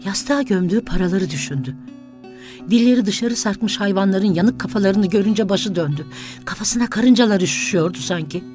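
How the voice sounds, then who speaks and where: Woman reading a story over soft music. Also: on the low side. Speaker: audiobook narrator. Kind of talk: scripted narration of a literary story.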